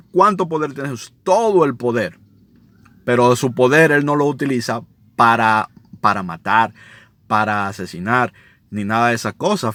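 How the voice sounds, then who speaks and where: A man's voice: mid-range voice, fairly bright tone, no echo. A man giving a Bible study, reading scripture aloud and commenting on it in a conversational way, often checking in with his listeners. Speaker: Bible teacher.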